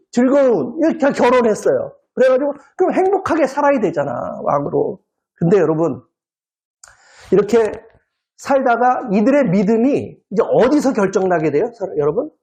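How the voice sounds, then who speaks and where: A male pastor preaching a sermon at a church service. He talks playfully, cracks jokes and keeps prodding the congregation with quick questions. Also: very high voice, big pitch swings, a little mellow. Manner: quizzes the congregation with constant "eh?" prompts; jokey, playful wordplay.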